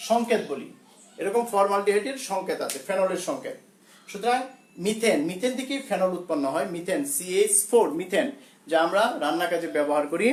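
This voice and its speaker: A male school teacher with a Bangladeshi Bengali accent giving a science lesson, slowly repeating key terms for students and often pausing with fillers and self-corrections. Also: high voice, reverberant, poor audio.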